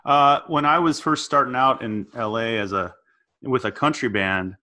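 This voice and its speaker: A man's voice: medium pitch, moderate pace. A man co-hosting a casual comedy podcast, telling stories and acting out the voices of the people in them. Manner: animated storyteller, acts out quoted voices. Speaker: podcast co-host.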